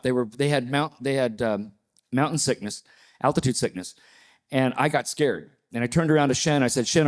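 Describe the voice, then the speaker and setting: Older man telling an animated story. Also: medium pitch. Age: 60s. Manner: animated storyteller, acts out quoted voices. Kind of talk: personal storytelling at a panel.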